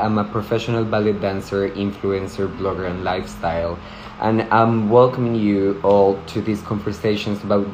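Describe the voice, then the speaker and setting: A man's voice: lowish voice, a little mellow. A man hosting a live-stream conversation, effusive, repeating words for emphasis. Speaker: host, professional ballet dancer.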